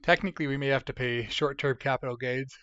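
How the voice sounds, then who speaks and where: A man's voice: medium pitch, quick pace, fairly bright tone, no echo, muffled recording. A tired, sleepy man hosting a casual livestream, from the United States, rambling as he reads chat aloud. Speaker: livestream host.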